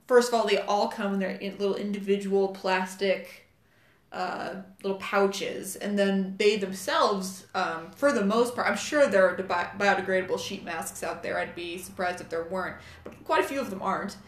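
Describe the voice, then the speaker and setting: A young adult woman co-hosts a casual podcast chat and works as company staff. Her mid-range voice holds a steady tone at a moderate pace, and she talks thoughtfully and hedgingly, with lots of fillers and self-corrections. The room sounds echoey.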